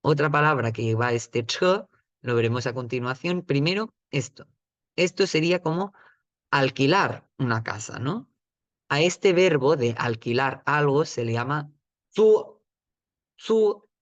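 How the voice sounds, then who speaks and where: A man's voice: medium pitch, normal speed, a bit bright, dry recording, dull audio. Man teaching patiently in a dry room. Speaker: Chinese teacher. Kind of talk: explanatory lesson.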